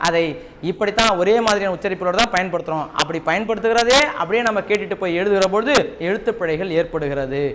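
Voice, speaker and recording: High-voiced man teaching, noisy recording. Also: fast talker. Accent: Tamil Nadu. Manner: repeats key points, quizzes students. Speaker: Tamil teacher. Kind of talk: classroom lesson.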